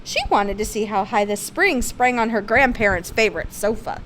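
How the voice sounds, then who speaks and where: Reading a picture book aloud, a woman uses a fairly high voice at a moderate pace. Her phrasing is expressive and emphatic in the style of children's narration, with faint noise in the background of the recording.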